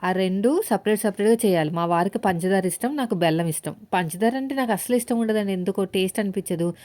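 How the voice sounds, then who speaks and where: Mellow-voiced woman chatting through a cooking vlog. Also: mid-range voice, fast. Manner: chatty, talks straight to viewers, tells stories. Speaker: housewife vlogger. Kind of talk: casual vlog chat while cooking. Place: home kitchen.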